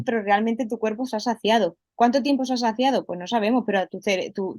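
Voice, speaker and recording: A woman's voice: medium pitch, darkish tone, no echo. A woman coach explaining things in a casual interview, with many fillers and restarts. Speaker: holistic health coach, guest. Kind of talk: conversational interview.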